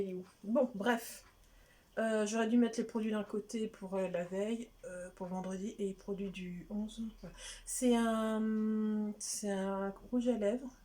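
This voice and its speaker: A beauty vlogger with a medium-pitched, dark-toned voice chats casually while unboxing beauty products. She rambles, cuts herself off, and now and then drops almost to a whisper.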